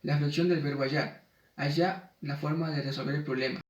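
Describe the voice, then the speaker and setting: A man reads out a spelling lesson in a measured way and slows down for the example words. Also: a little high, steady tone, distant mic, lo-fi sound. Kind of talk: reading a spelling lesson aloud. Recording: echoey room, voice off-mic.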